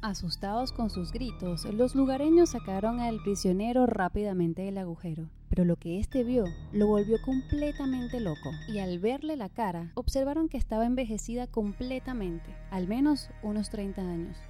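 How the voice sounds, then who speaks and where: A woman's voice: mid-range voice, moderate pace, hardly any pauses, warm tone, soft background music. A woman hosting a podcast, giving a scripted narration and speaking to her listeners affectionately. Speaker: podcast host.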